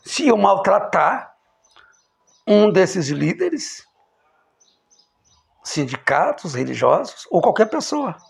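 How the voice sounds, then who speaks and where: Gravelly, animated preacher man. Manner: emphatic, swinging from loud exclamations to low quiet lines. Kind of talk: impassioned religious sermon.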